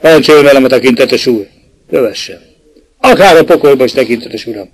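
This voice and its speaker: A man playing a cautious, plain-spoken working-class mason who answers slowly and guardedly. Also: medium pitch, husky, dry recording, lightly acted, low-quality recording.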